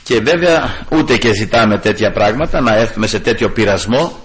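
A man preaching a sermon to his congregation, animated, moving between raised emphasis and hushed asides. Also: fairly low pitch.

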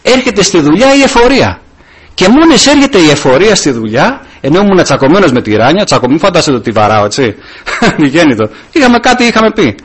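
Animated husky man preaching. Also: on the high side. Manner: animated storytelling, acting out dialogue. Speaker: deacon preaching. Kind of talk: informal sermon with personal stories.

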